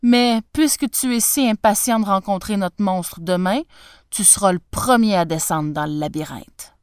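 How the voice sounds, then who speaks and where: A woman doing a booming, cruel old king. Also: moderate pace, clear, resonant tone, no echo, clean studio sound, close to an everyday voice. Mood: scornful.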